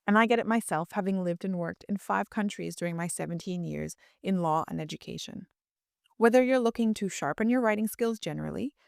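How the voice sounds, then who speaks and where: A woman's voice: lowish voice, gravelly, dry recording, clean studio sound. A woman who is a lawyer and writing coach, reading a polished, persuasive advertisement. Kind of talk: read advertisement.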